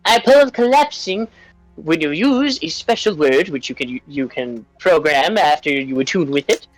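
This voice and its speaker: A man's voice: on the high side, expressive, normal speed, no room sound, faint music behind, lightly acted, low-quality recording. A man voicing a male gnome guard who formally presents magic items.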